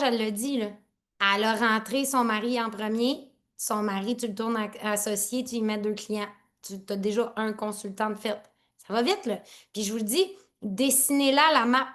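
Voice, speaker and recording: A woman with a Quebec French accent gives an excited, rambling online training talk as a team leader over a laptop video call, laughing often. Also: a little high. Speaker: network marketing team leader.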